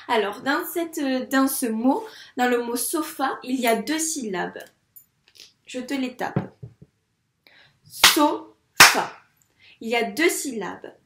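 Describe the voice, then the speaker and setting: A woman teacher from France giving a young child a handwriting lesson, spelling out sounds slowly and clearly, syllable by syllable. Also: high voice, roomy sound. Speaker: first-grade teacher.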